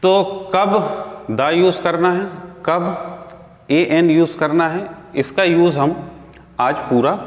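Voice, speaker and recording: A man teaching an English grammar lesson, explaining rules step by step and repeating examples slowly. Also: on the high side. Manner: slow, drawn-out teaching delivery with repeated examples. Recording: echoey room with long reverb.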